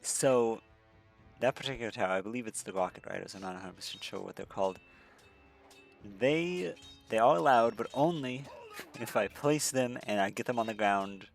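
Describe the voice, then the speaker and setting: Over soft background music, a man talks through his own gameplay at normal speed in an animated, creaky, mid-range voice. As a let's-play commentator, he rambles, corrects himself and keeps restarting, with lots of fillers.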